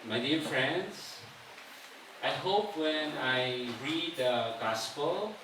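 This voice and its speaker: A man, a priest, reading the Gospel at Mass in a slow, measured way, with a cavernous church echo. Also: a little high, expressive, noisy background. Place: large church interior. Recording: echoey large church from far off.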